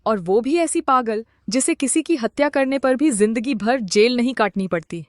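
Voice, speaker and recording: An actress dubbing a vengeful wife back from an asylum, cold and commanding. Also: female voice, fairly high pitch, lively intonation, moderate pace, dry recording, studio quality, natural voice. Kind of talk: Hindi dub of a drama.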